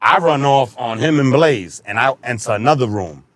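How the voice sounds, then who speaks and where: A man, a rapper guest telling a story in casual, animated fashion and acting out what people said, with rough street slang. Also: mid-range voice, normal speed. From New York. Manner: animated, acts out quotes with shifting voices, profane street slang.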